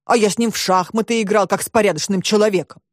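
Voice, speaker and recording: A woman's voice: mid-range voice, fairly even intonation, fast, no room sound, lightly acted. Stern old grandpa in a storybook, indignant, dry close sound, woman reading him. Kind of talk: audiobook reading.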